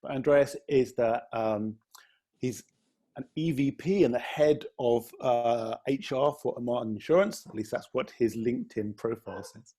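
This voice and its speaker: Man, interview host, live stream, chatty, hesitant, dark mellow voice, husky. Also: medium pitch, measured pace. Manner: chatty, gently hesitant, friendly questioning.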